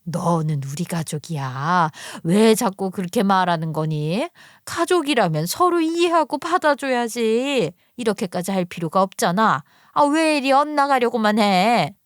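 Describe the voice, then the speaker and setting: A woman's voice: medium pitch, lively intonation, unhurried, few pauses, dry recording, clean studio sound, close to an everyday voice. A woman voicing a defensive older mother who scolds her daughter with exasperated sighs. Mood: scolding, defensive.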